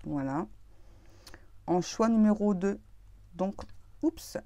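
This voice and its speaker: Soft-spoken woman tarot reader, hesitant. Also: medium pitch, expressive, takes it slowly, dry recording. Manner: hesitant, many fillers and restarts. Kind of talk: casual tarot reading monologue.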